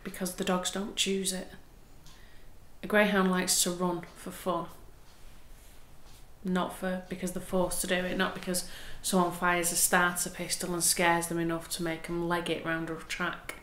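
A woman's voice: on the low side, completely flat delivery, measured pace, a bit bright, reverberant, slight background noise. A forty-one-year-old woman giving firm, blunt interview answers. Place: indoor room, seated in armchair.

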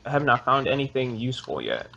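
A man's voice: medium pitch, very animated, a little fast, gravelly, pushed and bright, lo-fi sound, a little hiss or hum. A teenage boy hosting a casual game session with a friend, chatting, joking and asking viewers for likes. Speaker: gaming channel host.

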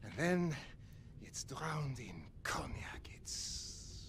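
An actor playing a cruel, sly middle-aged German officer, speaking in a silky, mocking way with a German accent. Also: male voice, medium pitch, very animated, drawn-out words, whispered, exaggerated voice. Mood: gloating. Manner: silky, mocking, relishing menace.

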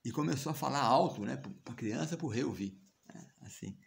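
A man's voice: mid-range voice, lively intonation, normal speed, creaky. A man with a Brazilian accent retelling a scripture story in a chatty way, often asking listeners to agree. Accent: Brazilian Portuguese. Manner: chatty, frequent tag questions and chuckles. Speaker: devotional teacher.

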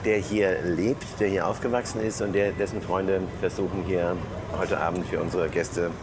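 A man's voice: low voice, steady tone, moderate pace, noisy background. A middle-aged man, a cruise director, greeting a guest in friendly, hearty chat on board a ship. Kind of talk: casual welcoming chat. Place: on a cruise ship, quay and decks.

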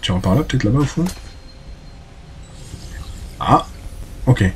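A man's voice: medium pitch, lively intonation, measured pace, a little hiss or hum. A man giving casual let's play commentary, chatty and talking to himself, exclaiming and cursing as he fights. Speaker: gameplay commentator.

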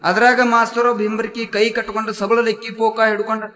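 A man's voice: high-pitched, little pitch movement, fast, sharp tone. A man with a North Karnataka accent telling a comic story in a skit, mock-tragic and theatrical in his lamenting. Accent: North Karnataka Kannada. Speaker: comic performer.

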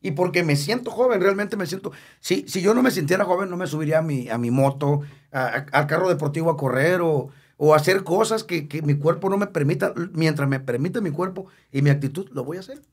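A Mexican man in his fifties with a husky, slightly raised voice. He talks openly and with feeling as an interview guest. He jokes easily and leans on repeated words to drive a point home. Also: on the high side, brisk, few pauses. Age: 50s. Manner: emotional, candid, jokey, repeats words for emphasis. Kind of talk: candid casual interview.

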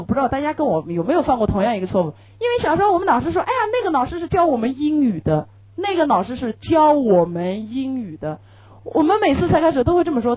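Her voice sits on the high side, slightly mellow with a breathy edge, as she lectures an English class in a rough recording. She's a native Chinese speaker who teaches patiently, asking rhetorical questions and repeating the main phrases.

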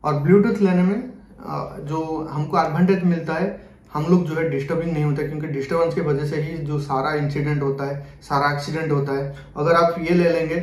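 A young man reviewing a product talks fairly quickly, his voice on the high side, a little mellow, and fairly even in intonation. His hands-on demonstration is casual and repetitive, mixes in English words, and is recorded in a small indoor bedroom with a roomy echo.

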